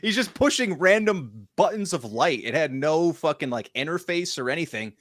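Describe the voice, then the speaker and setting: A man's voice: a little high, sing-song, moderate pace, a bit bright. A man co-hosting a casual podcast, rambling and sarcastic, with lots of "uh" and "like". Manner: rambling, sarcastic, many fillers. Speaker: podcast co-host. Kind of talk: casual chat.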